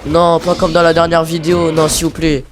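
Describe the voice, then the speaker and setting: A man giving casual, excitable commentary on his own gameplay, pleading with the game and swearing casually. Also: on the high side, a little fast, a little hiss or hum.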